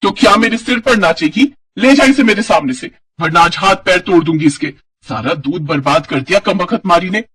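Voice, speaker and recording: Scolding bossy sister-in-law, a man acting her, husky high voice, distant mic. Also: normal speed. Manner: scolding, yelling. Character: harsh bossy elder sister-in-law, shrill.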